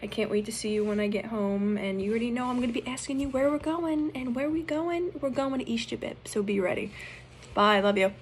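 A woman records a warm, playful good-luck message, pausing now and then. Her voice sits a little high, with a faint hum of the room behind her. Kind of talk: heartfelt recorded video message.

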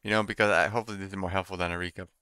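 A young man doing casual live trading commentary, thinking out loud and repeating his phrases as he muses. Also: low voice, flat delivery, very fast, smooth, no echo, clean studio sound. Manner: repeats phrases while musing to himself. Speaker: day trader streaming live. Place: small room indoors at a computer desk.

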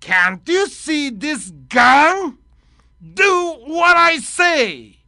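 A radio host acting out a hijacker who shouts slow, loud commands in English at a pilot. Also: high-pitched, sing-song, no echo, clean studio sound, pitched above the performer's own voice, exaggerated voice. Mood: threatening.

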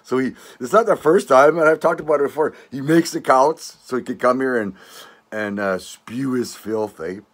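Speaking at a normal pace and medium pitch, the host of his own channel, an older Canadian, mocks his viewers sarcastically. He rambles and restarts as he goes, often ending lines with "eh" or "all right."

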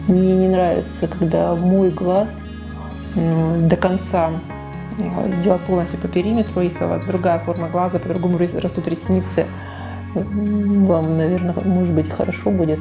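Her voice sits on the low side, with a level tone and moderate pace, and music plays underneath. This woman in her forties is a beauty vlogger giving casual, frank makeup talk to camera in a small living room, using a lapel mic and peppering her speech with fillers and self-corrections.

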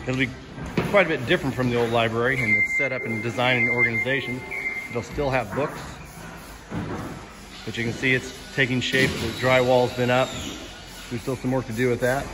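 Filming on the phone in his hand, a man leads an indoor walking tour in his role as school superintendent, explaining things plainly and off the cuff. He speaks a little fast at medium pitch with a steady tone, pausing often. The building-site noise around him is loud.

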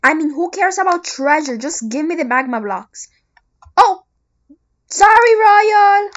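A gamer giving casual let's-play commentary, excitedly calling out to teammates. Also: high-pitched, moderate pace, lo-fi sound. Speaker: gamer playing with friends.

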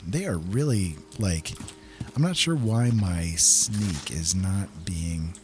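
A gameplay host muses and talks to himself in casual, easygoing commentary. His voice is low-pitched with lively intonation and a slow pace. Loud game music and sounds fill the noisy background.

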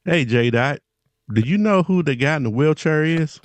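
A man's voice: fairly high pitch, expressive, moderate pace, no echo. A man hosting a podcast in casual chat, joking and laughing as he moves things along.

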